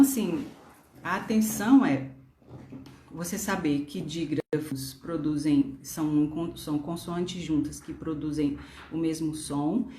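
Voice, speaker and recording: A woman's voice: low voice, a little mellow, a little hiss or hum. A woman teacher with a Brasília Portuguese accent, patiently explaining grammar and spelling words out letter by letter. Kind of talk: online grammar lesson. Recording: echoey room.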